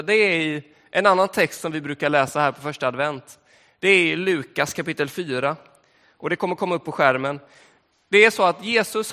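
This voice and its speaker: A man with a high, bright voice preaches in a church, easy and conversational, with frequent fillers. His voice rings out in a hall with a long reverb. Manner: conversational, relaxed storytelling with fillers. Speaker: pastor. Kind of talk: sermon.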